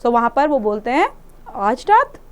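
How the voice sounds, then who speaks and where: Woman teaching a class 7 chapter, high voice, reads then explains in hindi. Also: very animated, moderate pace, smooth. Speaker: English teacher. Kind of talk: reading and explaining a textbook chapter.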